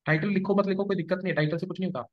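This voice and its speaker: High-voiced man teaching a class. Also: steady tone, very fast. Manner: explanatory, checks understanding often. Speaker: SEO trainer. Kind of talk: live classroom tutorial. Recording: dull lo-fi classroom recording.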